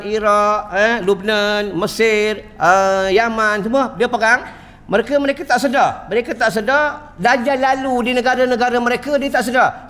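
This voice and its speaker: A male preacher with a Malaysian accent delivers an emphatic, high-pitched sermon, speaking directly to his listeners and adding humorous asides. The voice rings out in a large hall with a long reverb. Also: fairly bright tone.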